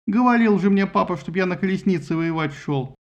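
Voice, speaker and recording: A man's voice: high voice, a little fast, highs cut off, pitched above the performer's own voice. A man voicing a spoiled, whining young archer complaining about his luck. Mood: whiny. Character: whiny young male archer, spoiled and sulky.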